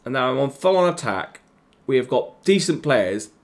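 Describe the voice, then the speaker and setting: A man giving live, swearing reaction commentary on a football management game, shouting at his players. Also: mid-range voice, big pitch swings, moderate pace. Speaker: gaming YouTuber.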